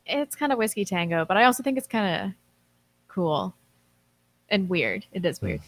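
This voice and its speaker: A woman's voice: mid-range voice, very animated, normal speed, no room sound. A woman co-hosting a casual talk show, reading out listener messages and commenting in a blunt, informal way.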